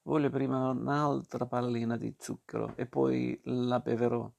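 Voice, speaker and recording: A man's voice: mid-range voice, level tone, a little slow, vocal fry, darkish tone. A man reading a storybook aloud and voicing a stubborn, whiny wooden puppet boy in a raised voice. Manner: whiny, protesting.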